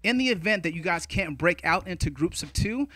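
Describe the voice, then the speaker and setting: Male poetry teacher, high and bright, upbeat and playful, counts rhythms aloud. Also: animated, fairly quick, dry recording. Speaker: teaching artist. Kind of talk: upbeat spoken-word poetry lesson.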